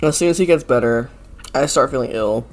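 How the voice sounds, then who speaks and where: Still hoarse and gravelly after being sick and a little stuffy, a medium-pitched man behind an art channel gives a loose, casual voice-over. His talk rambles, stuffed with "like" and "uh" and quick apologies, over faint background music.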